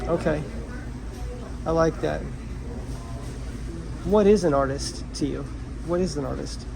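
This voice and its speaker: A man's voice: on the high side, unhurried, vocal fry, background noise. A man interviewing a young artist, encouraging him and asking follow-up questions. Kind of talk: casual interview.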